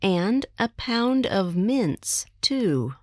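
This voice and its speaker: A woman with an American accent reading textbook dialogue lines for language learners, enunciating clearly. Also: mid-range voice, very animated, drawn-out words, no room sound, clean studio sound. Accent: General American. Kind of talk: slow scripted textbook reading.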